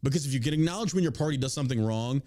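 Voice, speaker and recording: A man's voice: mid-range voice, racing, mellow. An American man hosting casual political commentary, opinionated and emphatic, swearing freely as he reads out and reacts to news. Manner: opinionated, emphatic, heavily profane.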